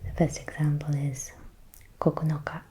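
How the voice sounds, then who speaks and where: A woman whispering softly in ASMR style, slowly repeating words and thinking aloud as she guesses. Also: deep voice, breathy edge, poor audio. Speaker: ASMR creator.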